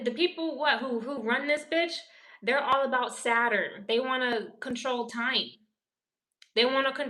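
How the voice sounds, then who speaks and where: A woman's voice: on the high side, sharp tone. A woman from New Orleans ranting profanely in casual livestream commentary, answering her chat. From New Orleans, Louisiana. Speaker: pop culture commentator.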